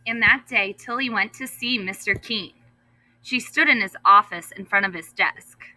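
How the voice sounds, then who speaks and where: A woman, a teacher, reading a children's story aloud expressively and deliberately, stressing repeated words. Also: mid-range voice, pushed and bright, dry recording, poor audio. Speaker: first grade teacher. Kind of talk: children's story read-aloud with asides to pupils.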